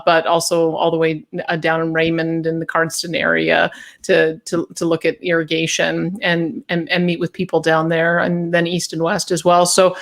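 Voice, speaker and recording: Canadian woman guest, low-ish voice, earnest and repetitive, video-call interview. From Calgary, Canada. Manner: earnest, repeats words as she thinks. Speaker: guest, policy paper author. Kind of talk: conversational interview answers.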